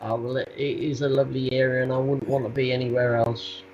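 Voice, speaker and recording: A man with a Norfolk accent chats casually as an interview guest. His voice sits at a medium-high pitch and comes through a dull call line with faint noise behind it. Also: flat delivery, fast, a little mellow. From Norfolk, England. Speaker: podcast guest.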